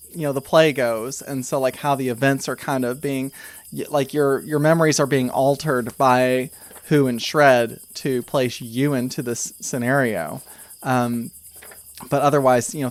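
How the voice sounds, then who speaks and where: With a mid-range voice, a man runs a tabletop game, spinning the narrative on the fly. He speaks casually and falters now and then as he goes.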